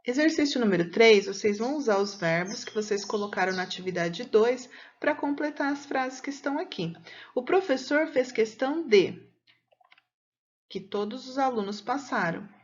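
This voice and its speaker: A Brazilian woman with a Brazilian Portuguese accent teaches a recorded lesson, her voice a little high. She explains patiently and slowly and keeps asking "né?". The audio is dull and lo-fi. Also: expressive.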